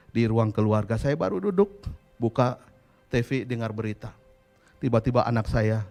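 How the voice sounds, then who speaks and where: A man in his fifties from Indonesia, a pastor preaching a sermon and telling a story, acting out quotes with sudden loud shouts. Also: medium pitch.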